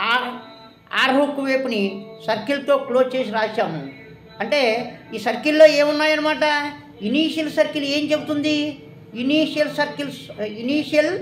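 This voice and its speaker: A woman's voice: high-pitched, a bit bright, reverberant. A woman teaching a shorthand lesson, quizzing her listeners with questions and then answering them herself. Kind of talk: classroom lesson.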